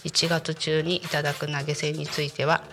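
A woman's voice: low-pitched, level tone, moderate pace, vocal fry. A woman hosting a community radio talk show in a conversational way, her voice nasal and stuffed up from a cold. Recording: music bed behind the voice. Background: music.

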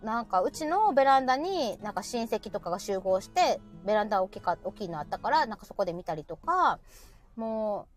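A woman from Osaka with a Kansai accent, co-hosting a casual talk show and chatting in an animated way with frequent laughter. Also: mid-range voice, brisk, soft background music. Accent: Kansai Japanese. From Osaka, Japan. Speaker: co-host of a live audio talk show. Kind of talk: casual chat.

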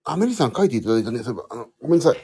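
A man's voice: medium pitch, big pitch swings, very fast, mellow, slightly rough. A man hosting a casual solo podcast, rambling and correcting himself as he thinks aloud while fiddling with his phone. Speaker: podcast host. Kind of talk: casual solo chat to listeners.

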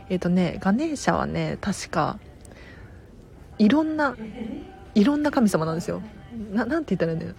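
Chatty woman tidying consultant, friendly. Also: mid-range voice. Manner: friendly and chatty, warmly thanking listeners by name; loose conversational delivery with fillers and self-corrections. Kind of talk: casual solo audio-stream chat answering listener comments.

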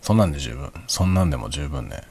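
A middle-aged man speaks in a hushed late-night voice, very deep and a little rough around the edges. He chats casually and explains things in a relaxed, easygoing way, keeping it quiet throughout. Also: fast, no echo. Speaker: hobby vlogger.

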